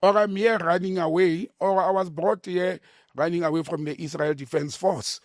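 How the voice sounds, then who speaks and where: A South African man talking politics on a talk show, emphatic and animated, often repeating words as he starts a point. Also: high-pitched, normal speed, no echo, clean studio sound. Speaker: political commentator.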